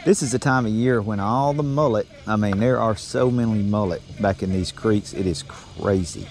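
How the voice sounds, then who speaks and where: With faint music in the background, a middle-aged man fishes from a small boat on calm water and chats folksily to a body-worn action camera for his fishing vlog. He talks at normal speed in a lowish voice, over steady noise from the outdoor camera.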